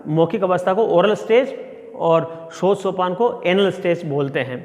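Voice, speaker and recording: A man's voice: high-pitched, moderate pace, darkish tone. A middle-aged male sociology professor giving a classroom lecture and explaining step by step with everyday examples. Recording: long reverb.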